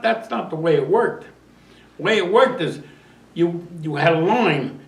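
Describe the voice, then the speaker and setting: An older man recalls his service in a rambling, chuckling way, his voice a touch high for a man. He sits back from the microphone in a roomy, echoing space. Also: fairly bright tone, distant mic. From United States. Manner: rambling storytelling with restarts and chuckles. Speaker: war veteran interviewee. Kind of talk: oral history interview.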